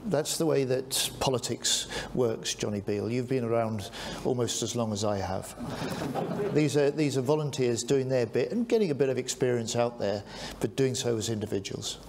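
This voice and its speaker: A man chairs a press conference as a minister and answers questions in a measured, steady way. A faint hiss of noise sits under his voice. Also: medium pitch. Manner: measured, calling on reporters by name. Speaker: defence secretary hosting press conference.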